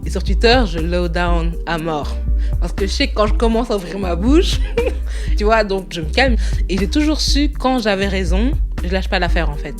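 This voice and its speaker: A young woman speaks frankly and fast in a casual interview, breaking into laughter often. Her voice sits in a middle register. Soft music plays faintly behind her. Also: medium pitch, expressive. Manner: candid, quick, laughs often.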